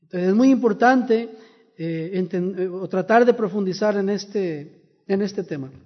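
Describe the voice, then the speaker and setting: A man's voice: sits high, unhurried, big-room sound, dull audio. A man preaching a sermon as minister, earnest, repeating key phrases and verses, often restarting his sentences.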